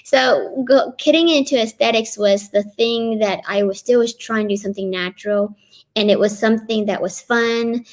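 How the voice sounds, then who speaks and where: A middle-aged woman from Kentucky, USA, with a slightly high voice and moderate pace, is a guest on a live online interview. She works as a cosmetic physician assistant and eagerly explains what she does.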